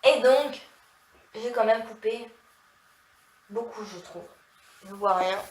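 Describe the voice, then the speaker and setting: A woman from southern France talks straight to her viewers in a rambling vlog, her voice nasal and set a little high. She keeps circling back with fillers as she chats. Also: slow pace. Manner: chatty, rambling, heavy on fillers. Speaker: vlogger. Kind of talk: casual vlog chat.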